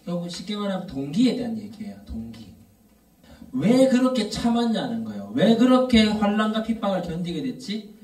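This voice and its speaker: High-voiced man preaching in an echoey hall. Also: big pitch swings, moderate pace, darkish tone, distant mic, soft background music. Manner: storytelling, rising to emphatic repeated questions. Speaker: youth pastor. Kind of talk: sermon. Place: church worship hall. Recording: echoey room, voice from off mic.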